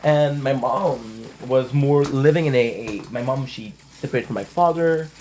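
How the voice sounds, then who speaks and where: Speaking at a normal pace with a medium, slightly mellow voice, a Montreal channel host whose first language is French rambles through casual vlog talk. He restarts sentences with stammers and swears casually, over a little hiss or hum.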